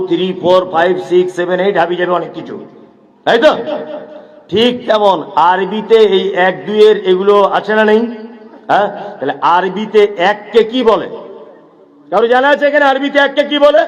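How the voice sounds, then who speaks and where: A man preaching a sermon at a madrasa gathering, asking the audience questions and answering them himself, rising to emphatic peaks. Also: sits high. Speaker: Islamic preacher.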